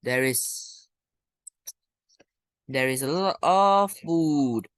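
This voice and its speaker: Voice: mid-range voice, expressive, very slow, no echo. A teacher with a Malaysian or Singaporean English accent, talking informally through lesson exercises and thinking aloud with colloquial particles. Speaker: primary school English teacher.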